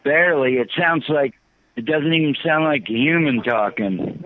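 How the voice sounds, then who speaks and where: A man calling in to an interview over a phone line, talking in a halting, earnest way and often repeating himself. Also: a little high. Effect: phone line, heard over the phone. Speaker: phone-in guest. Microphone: telephone, satellite phone. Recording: tinny narrow-band phone line.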